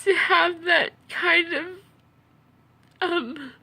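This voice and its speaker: A tearful, upset woman who sounds as if she has been crying, giving a halting personal monologue in which she repeats her phrases. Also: very high-pitched, gravelly, bright, forceful tone. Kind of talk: personal video monologue about own experiences.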